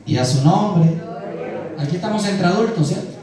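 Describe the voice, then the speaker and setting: A crowd is audible behind this middle-aged pastor, whose high, expressive voice carries his sermon at a moderate pace. Speaking with a costeño accent from the Caribbean coast of Colombia, he is earnest and colloquial and asks the congregation questions. The mic is placed far off in a very echoey church hall.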